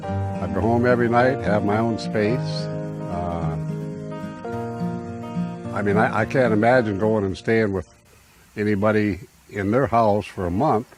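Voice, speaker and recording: An older man talking in an easygoing, rambling, folksy way about living full time on the road, speaking from inside his travel trailer. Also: on the low side. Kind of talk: casual conversational storytelling. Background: loud guitar music.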